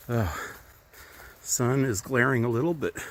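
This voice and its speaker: Speaking slowly in a medium-pitched voice, a hobby woodworker shows viewers around his little workshop outdoors at an RV park among the trees. It's a chatty, rambling handheld-camera tour with many ums and restarts, and he's a little out of breath. There's a bit of hiss or hum in the audio.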